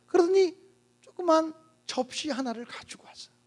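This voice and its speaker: A revival preacher telling a story in a sermon, dramatic and swinging between hushed and loud. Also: very high voice, animated, moderate pace.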